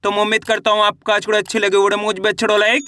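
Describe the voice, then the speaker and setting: A man teaching children to read, spelling out each syllable slowly and then blending it into the whole word. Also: high voice, monotone, bright, forceful tone, slight background noise. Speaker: Hindi reading teacher. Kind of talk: slow syllable-by-syllable reading lesson.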